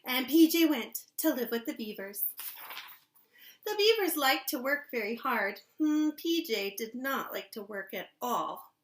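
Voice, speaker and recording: A kindergarten teacher reads a storybook aloud in a high-pitched, animated voice. She brings the story to life expressively and stops now and then to ask her young listeners questions.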